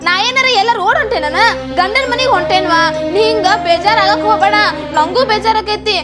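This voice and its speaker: Young woman, super high voice, talks fast, reassuring, comedy skit. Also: music in the background. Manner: coaxing, reassuring. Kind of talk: scripted comedy skit dialogue.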